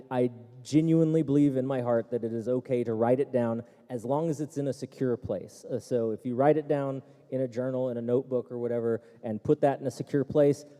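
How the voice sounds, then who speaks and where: The echoey seminar hall carries a tech panelist's brisk, mellow voice, medium in pitch and steady in tone. He answers tech questions casually, often using fillers and restarting his sentences.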